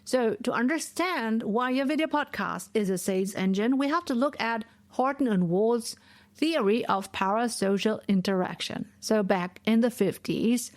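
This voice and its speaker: A woman in her forties hosts a podcast from her home office. Her voice sits a little high, and the sound is dry and close, with no room echo. She talks in a lecturing, explanatory way and keeps checking in with the listener. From Asia. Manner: lecturing, explanatory, with rhetorical "right?" tags. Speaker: podcast host. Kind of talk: solo podcast talk.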